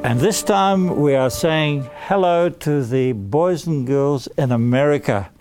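A man telling a story to children, explaining things simply and deliberately. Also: fairly high pitch, a little mellow, soft background music.

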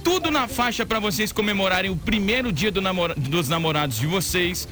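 A man's voice: high-pitched, a little fast, soft background music. A man hosting a radio prank call, talking in a playful, teasing way. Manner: playful, teasing, lively banter.

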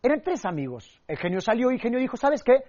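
A young man teaching public speaking, energetic and emphatic, telling stories and acting out what people said. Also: very high voice, quick pace, highs cut off. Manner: energetic, emphatic, acts out quotes and sound effects. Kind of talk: motivational speaking lesson with stories.

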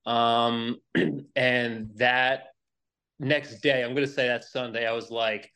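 A man's voice: medium pitch, steady tone, slow, bright, forceful tone, smooth. A man from Long Island with a New York accent, a podcast guest chatting casually in a rambling, self-deprecating way.

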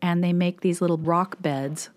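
A middle-aged woman co-hosts a podcast in a relaxed, conversational way. She talks freely and goes into long, detailed explanations. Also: on the low side, moderate pace. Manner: chatty, explains at length. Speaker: podcast co-host. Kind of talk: casual chat.

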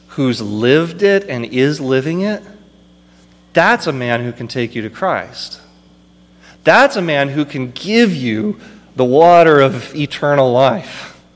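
A male pastor delivers an impassioned sermon in a slightly high voice that swings widely in pitch. He speaks slowly and deliberately, building to emphatic peaks. Long reverb from the church hall trails each phrase.

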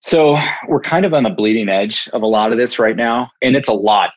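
This is a podcast guest, a product evangelist in staffing software, explaining things informally and conversationally as an interviewee. His mid-range voice is expressive and fairly quick, though the recording sounds dull.

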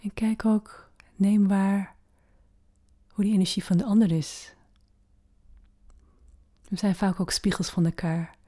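A woman leading a guided meditation slowly and gently, with long pauses, in a soft voice that often turns to a breathy near-whisper. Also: medium pitch, fairly even intonation.

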